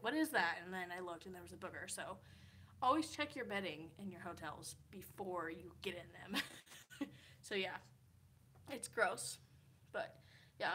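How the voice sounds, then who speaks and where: Tired and chatty, a Kansas woman in her early twenties reads comments on a livestream from her hotel room, rambling with plenty of "like" fillers and frequent laughs. Her voice is fairly low and sharp in tone, with slight background noise.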